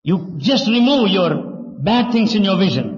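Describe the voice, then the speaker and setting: A man translating a discourse phrase by phrase, in short measured phrases. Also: high voice, very animated. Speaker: interpreter. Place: large hall. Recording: dull 1992 archive tape in an echoey hall.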